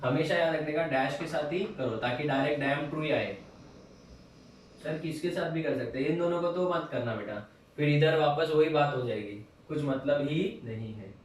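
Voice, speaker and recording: A man's voice: on the high side, moderate pace, a little hiss or hum. A man teaching a chemistry class in a lecture style, coaxing and playfully teasing his students. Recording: echoey room from a distance.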